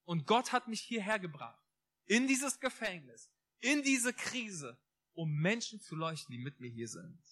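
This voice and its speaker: A man preaching a lively, informal sermon, talking straight to his listeners and repeating key phrases for emphasis. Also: high-pitched, measured pace. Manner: emphatic, repeats phrases, laughs at own jokes; addresses listeners directly, informal asides.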